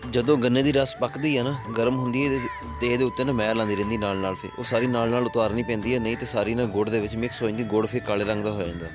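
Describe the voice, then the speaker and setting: Man, young, Pakistani Punjabi accent, chatty village vlog, mid pitch, quick, music underneath. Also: fairly even intonation. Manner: chatty, explains as he goes. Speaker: village vlogger. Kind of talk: casual vlog narration.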